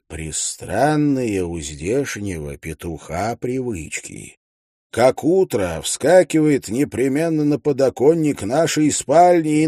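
A man's voice: medium pitch, mellow, no echo, clean studio sound. A man narrating a satirical diary in a wry, ironic storytelling manner. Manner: wry, ironic storytelling, vivid character switches. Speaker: audiobook narrator.

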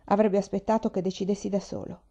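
Brief: woman reading as a sensitive, fearful young boy, soft and pleading, warm voice, muffled recording. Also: mid-range voice, flat delivery, fast, lightly acted. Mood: plaintive.

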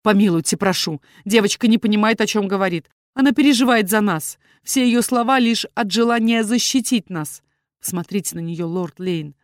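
A woman's voice: mid-range voice, moderate pace, no echo, clean studio sound, close to an everyday voice. A woman voicing a worried father begging a lord to forgive his daughter. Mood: pleading. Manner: pleading, apologetic. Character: anxious middle-aged father pleading for his daughter.

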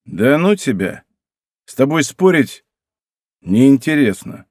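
A man reading an audiobook, voicing a bored, grumpy nobleman who speaks curtly and gruffly. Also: medium pitch, big pitch swings, takes it slowly, darkish tone, no echo, clean studio sound, voice pushed up. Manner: gruff, curt.

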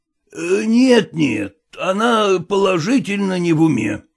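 An agitated middle-aged merchant father, as a male reader puts him on, rambling and pleading. The voice is husky and a touch gravelly, sitting fairly high and moving in wide, lively swings. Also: slow pace, full character voice. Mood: flustered.

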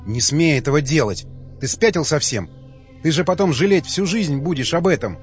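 A man voicing a distraught, desperate young man in an audiobook, pleading and shouting. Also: fairly high pitch, animated, moderate pace, faint music behind, close to an everyday voice. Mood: desperate angry. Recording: dull lo-fi sound.

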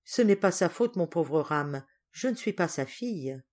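A woman voicing a gentle, soft-hearted little girl who speaks earnestly and pleads. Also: fairly low pitch, expressive, measured pace.

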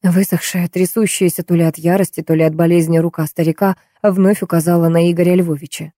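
A woman reads a novel aloud in a steady, even way. Her voice is low, very dark and mellow, and the recording is dry and close. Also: fairly quick, no echo. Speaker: audiobook narrator. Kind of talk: scripted narration.

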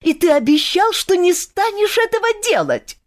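A woman voicing an indignant young woman who scolds in a high, pleading voice. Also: huge pitch swings, unhurried, exaggerated voice.

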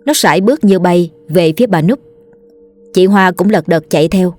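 A woman narrating a scripted horror story in a steady storytelling voice. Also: lowish voice, moderate pace, faint music behind. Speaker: audiobook narrator.

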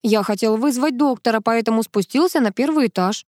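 A woman voicing a calm, precise man who is a scientist and loves exactness. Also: on the high side, no echo, clean studio sound, close to an everyday voice. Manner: measured, precise.

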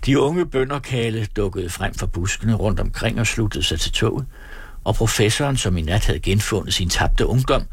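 A man narrating an audiobook in a steady storytelling read. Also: lowish voice, breathy edge, no room sound. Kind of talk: scripted narration.

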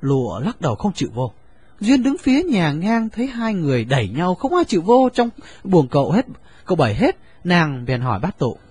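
A man narrating a story in an expressive, lively reading. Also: fairly high pitch, brisk, breathy edge, no echo.

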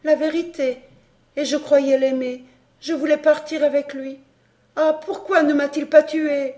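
A woman's voice: high voice, measured pace, darkish tone, pitched above the performer's own voice. A woman reading a distraught young woman. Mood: anguished. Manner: anguished, pleading.

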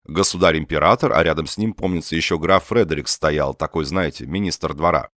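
A man's voice: a bass voice, a little fast, a bit bright, dry recording, clean studio sound. A man doing a breezy, sly con man. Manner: good-natured, breezy, persuasive. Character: smooth, genial young swindler, self-assured.

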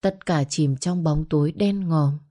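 A woman with a low, dark, mellow voice tells a grieving first-person story. Her delivery is heavy with sorrow and drama, the steady pull of a serialized audio tale. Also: a little slow.

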